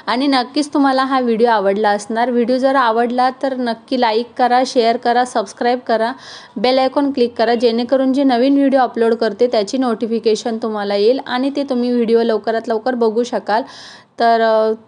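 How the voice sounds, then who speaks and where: A woman's voice: fairly high pitch, steady tone, moderate pace, darkish tone. A woman from the Konkan chatting casually to her viewers, with fillers and self-corrections. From Konkan, India. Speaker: cooking and home vlogger. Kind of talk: casual vlog chat.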